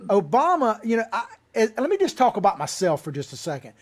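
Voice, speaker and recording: A male talk show host speaks in an old Florida cracker drawl from the American South. His voice sits high for a man. He interviews in a folksy, rambling, conversational way. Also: huge pitch swings, fast. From small-town Florida, US South.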